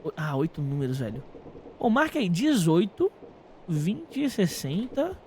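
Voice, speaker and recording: A man's voice: sits high, very animated, a little slow, darkish tone, slight background noise. A Brazilian man giving casual, slangy game commentary to his chat, thinking aloud as he plays. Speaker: game streamer talking to live chat.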